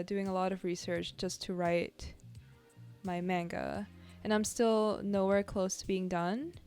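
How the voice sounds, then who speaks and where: A woman chatting casually and a little haltingly as she streams her drawing, with an easygoing manner. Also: medium pitch, darkish tone, clear, resonant tone. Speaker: art livestreamer. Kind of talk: casual livestream chat while drawing. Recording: music behind the voice. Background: music.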